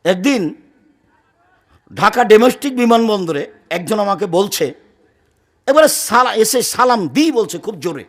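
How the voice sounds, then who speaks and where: A man preaching a Friday sermon, forceful and firm, swinging from loud declaiming to low murmurs. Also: big pitch swings, measured pace, pauses often. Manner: speaks firmly and loudly by habit.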